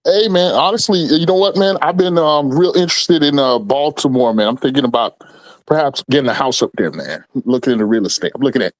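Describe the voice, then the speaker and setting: A man's voice: mid-range voice, a little fast, no echo. A man from Miami joining the chat, talking eagerly and loosely with lots of "man". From Miami, United States.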